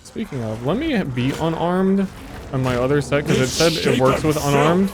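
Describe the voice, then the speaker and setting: A man's voice: on the high side, expressive, normal speed, a crowd in the background. A man streaming a video game, giving casual, joking commentary with frequent profanity.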